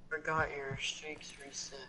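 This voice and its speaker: A man's voice: fairly high pitch, level tone, a little slow. A man gaming online and chatting casually in slang, often repeating his phrases, over noisy voice chat. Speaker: gamer playing an online shooter. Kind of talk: casual game chat on stream.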